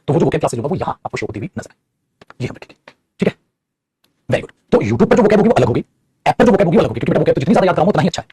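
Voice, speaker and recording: A man's voice: a little high, darkish tone, breathy edge. A man teaching English grammar in an online class, calling his students "beta" and acting out their replies himself. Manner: calls students beta and mere bachche, acts out student replies.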